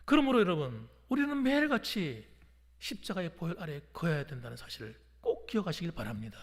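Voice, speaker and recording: A man's voice: a little high, sing-song, brisk. A man preaching a sermon as a pastor, fervent, calling on the congregation to repeat phrases after him. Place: church sanctuary. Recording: long hall reverb.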